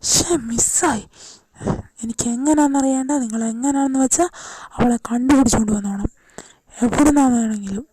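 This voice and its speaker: A woman's voice: high voice, fairly quick, pauses often, mellow, no room sound. A woman voicing a bossy man hunting a runaway girl, barking orders harshly, in an amateur fan audio drama. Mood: angry.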